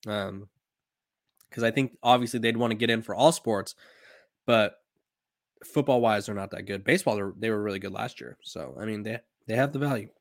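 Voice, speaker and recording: A man's voice: fairly low pitch, normal speed, vocal fry, no room sound, studio quality. Rambling young man hosting a sports podcast. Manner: rambling, filler-heavy, many "um"s and restarts. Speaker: podcast host. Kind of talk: casual sports podcast commentary.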